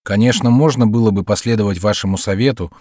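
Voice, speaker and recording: A soft-spoken young scholar, calm and unflappable, as a male reader voices him. He talks quietly in a low, even voice in a storybook. The sound is dry and close. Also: fast talker, no room sound, natural voice.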